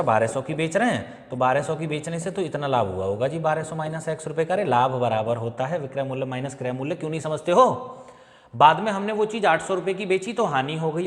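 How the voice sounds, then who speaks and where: Man, maths tutor, higher voice, talky and repetitive, long room reverb. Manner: chatty, repeats steps and checks understanding. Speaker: maths teacher. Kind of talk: exam-prep maths lesson.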